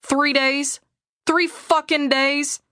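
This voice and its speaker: A hot-headed teenage boy who swears and exclaims at everything, as a woman reads him. The voice sits fairly high and sounds close and dry. It comes from an audiobook. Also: flat delivery, extremely slow, sharp tone, no echo, heavily acted. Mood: outraged. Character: brash foul-mouthed excitable teenage boy. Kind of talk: audiobook character voice.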